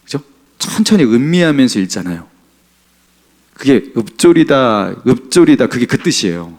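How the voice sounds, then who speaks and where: A male pastor giving a Sunday sermon in a conversational style. He often turns to the congregation with questions and chuckles now and then, and his voice moves between emphatic raised lines and soft, low asides. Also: very animated, moderate pace. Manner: chuckles while talking.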